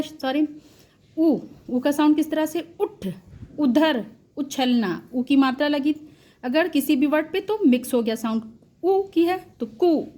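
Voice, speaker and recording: Slow, high-voiced woman teaching phonics. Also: a little mellow. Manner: drawn-out, careful sounding out of syllables; mixes English words into Hindi. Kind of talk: slow Hindi phonics lesson for parents and teachers.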